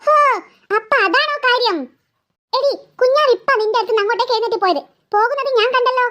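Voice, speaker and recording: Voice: extremely high pitch, quick pace, bright, forceful tone. A performer voicing an impatient mother who scolds and threatens her daughter. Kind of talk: cartoon voice acting.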